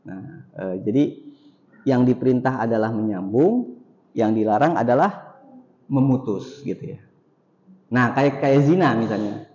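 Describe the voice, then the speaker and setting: Male Islamic teacher, mellow voice, dull lo-fi recording, lecturing and restating every point. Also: mid-range voice, measured pace, long pauses. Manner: repeats each point for emphasis. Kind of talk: mosque study lecture. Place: mosque hall. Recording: echoey hall, dull lo-fi sound.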